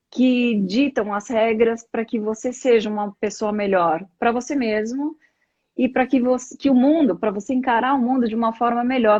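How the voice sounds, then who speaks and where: Her voice sits fairly high and sounds slightly mellow, captured dry. This Brazilian yoga practitioner in middle age is a guest on a live interview, thinking aloud conversationally and giving examples, over dull, lo-fi stream audio.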